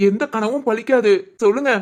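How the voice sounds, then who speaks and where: A woman voicing a gentle young husband who soothes and teases his wife in a village family drama. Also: on the high side, fairly quick, lightly acted. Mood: soothing. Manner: soothing, teasing. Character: gentle reassuring young husband, loving and playful.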